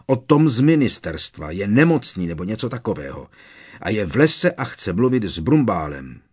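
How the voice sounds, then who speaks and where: A man's voice: fairly low pitch, big pitch swings, a little mellow, breathy edge. A man voicing an anxious teenage schoolboy who talks urgently and pleads in a raised voice in an audiobook. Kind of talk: audiobook character voice.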